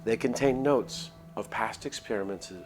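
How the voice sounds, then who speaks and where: Streaming a visual novel, a man reads it aloud in dramatic narration, dropping in casual asides. His voice sits fairly low and moves at a moderate pace, with music playing behind him.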